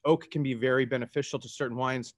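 A man's voice: medium pitch, steady tone, fast, no echo, studio quality. A man in his thirties casually explaining wine in the manner of sommelier tasting notes. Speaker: wine expert. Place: outdoors at a garden table.

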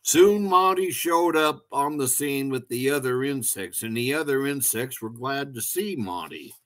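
Male storyteller reading a children's tale, slow and measured, mid-pitched. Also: expressive, fairly bright tone.

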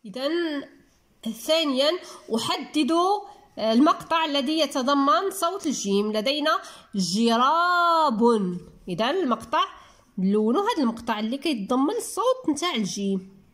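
A woman with a Moroccan accent teaches young children to read, her voice pitched high above the usual. She slows right down on key words and stretches them out syllable by syllable, then explains calmly before moving on. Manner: drawn-out, syllable-by-syllable word spelling. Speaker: primary school teacher. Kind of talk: reading lesson for young children.

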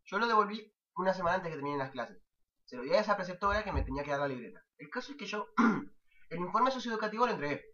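This young Argentine vlogger talks fast in a high, pushed, bright voice, expressively telling a casual anecdote as a profane, exasperated rant in Argentine Spanish. The audio is dull lo-fi, picked up by a distant mic.

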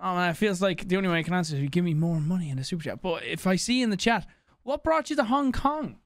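A young man livestreaming from a small home room into a studio mic, reading out donor names and thanking them in a quick, loose patter. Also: high-pitched, expressive, no echo. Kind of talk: casual stream chat reading donations. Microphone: studio mic on boom, headphones on.

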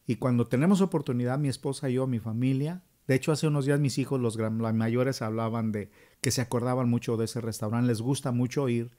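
A man's voice: mid-range voice, a little mellow. A middle-aged Mexican man with a Mexican accent, giving an opinion monologue and asking the viewers rhetorical questions. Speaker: channel host.

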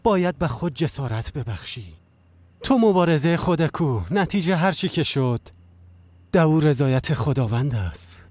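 A man dubbing a calm, devout older father who patiently counsels his son with a story. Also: fairly high pitch, no room sound. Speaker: dubbing actor. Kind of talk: dubbed TV drama.

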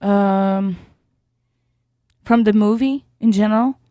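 A woman's voice: mid-range voice, slow pace, dark tone, no echo. A woman talking in a casual, conversational way as a co-host on a review show. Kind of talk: casual chat.

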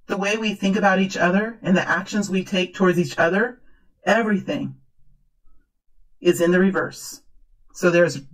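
Female tarot fortune teller, medium pitch, earnest halting phrasing with repetitions, unscripted reading. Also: rough recording. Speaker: tarot reader, host.

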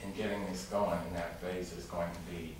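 A man making a halting public comment to a city council, full of fillers and restarts. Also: low-pitched, flat delivery. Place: large council chamber with tall windows. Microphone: room mic from far off. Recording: echoey chamber recorded from far off with noise.

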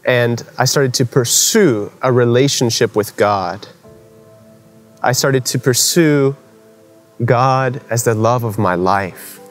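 A man's voice: medium pitch, slow, faint music behind. A young man giving an earnest personal faith testimony at a conference, telling his story conversationally with frequent fillers. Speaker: conference speaker.

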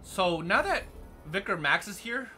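A chatty man narrating his game as he plays, with a bright, forceful tone. His pitch jumps around a lot as he reacts. Faint game music plays underneath. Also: lively intonation, unhurried. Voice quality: chatty, easily amused, thinks aloud. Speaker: gaming channel host. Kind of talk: casual let's play commentary.

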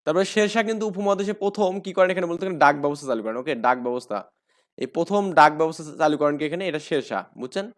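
A man with a Bangladeshi Bengali accent teaches an exam-prep lesson and keeps asking his listeners questions, then answering them himself. His voice sits a little high. He repeats each key fact and fills his sentences with small filler words. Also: fast talker. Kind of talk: explaining lecture.

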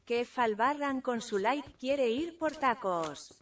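A woman's text-to-speech voice reading out automated stream alerts in a flat way. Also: fairly high pitch, slow pace, far from the mic. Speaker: text-to-speech donation reader.

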